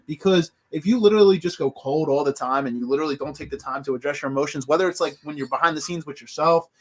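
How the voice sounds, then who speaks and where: A man's voice: a little high, fast talker. A man co-hosting a podcast in casual chat, earnest and reflective. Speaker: podcast co-host.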